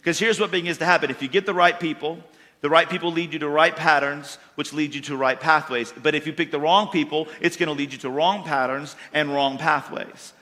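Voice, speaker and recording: A man preaching a sermon to a congregation, folksy and emphatic, building to louder bursts. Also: fairly high pitch, fairly even intonation, fairly quick, in a large hall. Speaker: pastor. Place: church hall with congregation.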